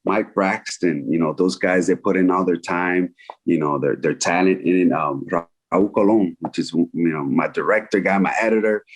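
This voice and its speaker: A man in his forties, a filmmaker talking as a guest in a casual interview, animated and repeating phrases for emphasis. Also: sits low, moderate pace. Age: 40s.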